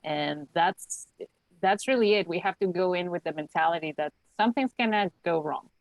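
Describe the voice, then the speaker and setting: A woman's voice: on the low side, moderate pace, dry recording, poor audio. A woman hosting a video call panel and giving encouraging feedback. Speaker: panel host.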